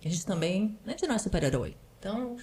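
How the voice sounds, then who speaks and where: A woman's voice: mid-range voice, sing-song, fast, warm tone. Lady counselor talking parenting on a podcast, earnest and advising, keeps tagging "né", faint hum behind. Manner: earnest, advising, often adds "né". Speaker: parental counselor and psychoanalyst guest. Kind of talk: explanatory podcast conversation.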